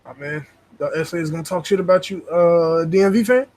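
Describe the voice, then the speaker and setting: A young man hosting a gaming podcast, talking loosely and profanely, telling animated stories. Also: on the high side, fairly quick. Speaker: podcast host. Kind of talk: casual gaming podcast chat.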